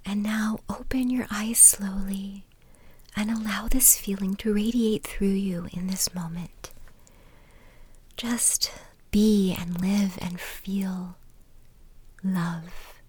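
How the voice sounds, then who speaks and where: A woman whispering a soothing guided meditation and a bedtime story in a slow, calm way. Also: medium pitch, slightly rough, no room sound.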